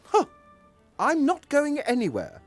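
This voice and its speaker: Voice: high voice, huge pitch swings, measured pace, full character voice. An actor playing a lazy, grumpy male troll who complains in a huffy, whiny way. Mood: grumbling. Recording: game audio with faint music.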